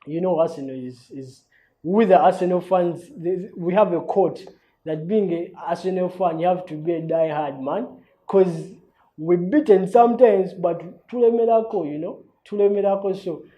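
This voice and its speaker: Here the same kind of host, a young Ugandan man with his own talk show, speaks at a normal pace in a high voice, with the recording's highs cut off. His casual monologue wanders, full of repeated words and lines ending in "you know" or "man."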